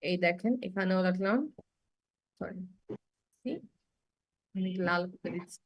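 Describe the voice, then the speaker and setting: A young woman teaching an English grammar class online, patiently explaining and slowing down to spell out example words. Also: on the low side, flat delivery.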